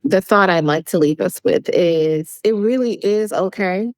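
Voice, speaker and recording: A woman speaking as an interview guest, an animated storyteller who acts out quoted voices and laughs often. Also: on the low side, measured pace, no echo, poor audio. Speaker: guest, public speaker and coach. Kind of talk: podcast interview conversation.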